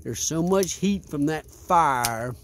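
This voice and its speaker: A man's voice: fairly high pitch, animated, slow pace. A man hosting a casual outdoor beer review by a fire, rambling and repeating himself in a laid-back way. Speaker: vlog host.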